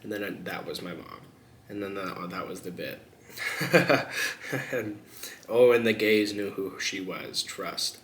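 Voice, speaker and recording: A man's voice: sits low, a little slow, fairly bright tone. A young man chatting casually while eating on camera, rambling and crude with lots of jokes. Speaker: mukbang vlogger. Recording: echoey room with faint background noise.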